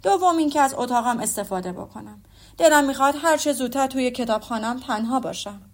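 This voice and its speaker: A woman voicing an older father who speaks in a calm, measured, dryly ironic way in an audiobook. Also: high voice. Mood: wry. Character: Mr Bennet, wry dry older father. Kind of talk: audiobook character voice.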